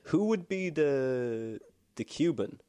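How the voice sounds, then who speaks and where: A man's voice: mid-range voice, expressive, slow pace, warm tone, dry recording. A man in his thirties in a casual comedic chat, rambling and jokey, laughing often and restarting his sentences.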